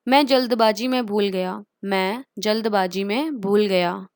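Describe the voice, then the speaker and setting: A woman with an Indian accent teaching everyday English phrases. She says each phrase twice, very slowly, then explains it quickly. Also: mid-range voice, no room sound, studio quality. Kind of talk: spoken English lesson.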